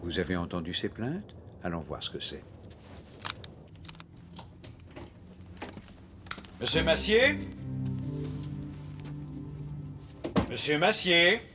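A man in his fifties playing a gruff, wily police inspector in a dubbed TV crime drama, with a dry, sardonic manner. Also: medium pitch, huge pitch swings, normal speed, over music. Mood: quiet, wry. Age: 50s. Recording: noisy TV soundtrack with background ambience.

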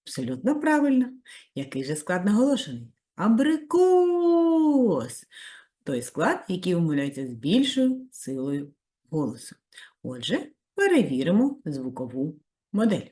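A female primary school teacher giving a video lesson to children, praising warmly and giving step-by-step tasks. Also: moderate pace. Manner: very lively pitch, rising high on praise.

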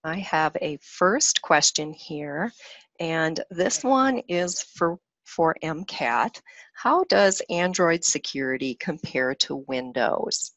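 A woman with a low voice moderates a webinar and reads out audience questions to the panel. She keeps things brisk. The sound is dry and close. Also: animated, fairly bright tone, no echo, low-quality recording.

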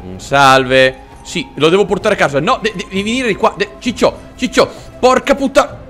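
A man giving let's play commentary, excitable, swearing and yelling when startled, and addressing game characters with mock politeness. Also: sits high, moderate pace, faint music behind. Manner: excitable, swearing, shouting in sudden frights. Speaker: gameplay commentator.

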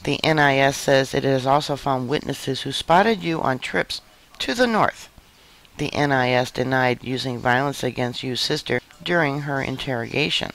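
A man giving a scripted news narration in an even, measured read. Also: medium pitch, vocal fry, low-quality recording. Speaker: news reader.

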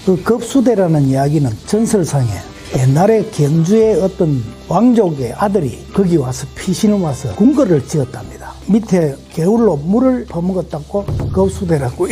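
A middle-aged woman speaks casually. Her voice sits low and is soft-edged and mellow, with faint music underneath. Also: animated, normal speed, hardly any pauses. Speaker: local resident, woodcraft shop owner. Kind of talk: casual talk show chat and explanation.

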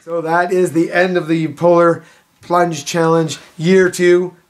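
A man's voice: fairly high pitch, little pitch movement, slow. Casual man hosting a family vlog. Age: 40s. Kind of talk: casual home vlog commentary.

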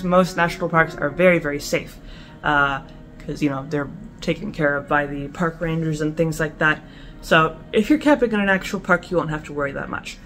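A woman's voice: fairly low pitch, fairly bright tone. A young woman in her twenties giving casual camping advice to the camera at home, chatty, with lots of fillers and restarts. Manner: chatty, gestures a lot, many fillers and restarts. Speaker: camping vlogger. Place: small indoor room at home.

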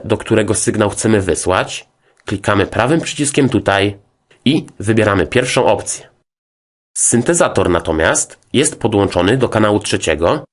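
A man with a lowish voice narrates a scripted tutorial as a music software instructor, explaining things in a formal, methodical way.

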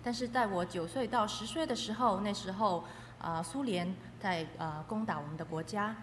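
A woman with a mid-range voice interprets a testimony aloud phrase by phrase at a moderate pace. She is in an echoey hall, and the recording carries that echo along with faint noise.

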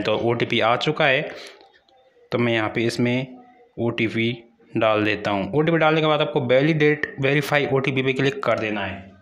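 An Indian man hosts a tech channel, walking viewers through an app tutorial step by step in voice-over and calling them friends. His voice is medium-pitched and a bit bright.

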